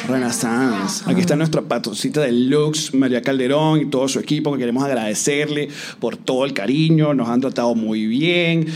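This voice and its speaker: A man's voice: medium pitch, normal speed, a little mellow, slight background noise. A young man co-hosting a casual comedy podcast, joking and rambling with lots of fillers, in a hotel room with a live audience. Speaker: podcast co-host.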